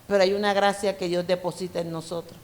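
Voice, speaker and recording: This woman preacher from Colombia's Caribbean coast speaks fast, with a lowish voice and little pitch movement. Her sermon is emphatic and conversational, packed with personal stories. The recording carries the reverb of a church hall.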